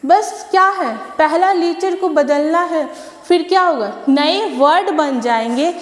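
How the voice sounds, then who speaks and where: High-voiced woman teacher, slow and echoey. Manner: patient, repeats words and asks rhetorical questions. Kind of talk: online English class in Hindi. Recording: echoey room with long reverb.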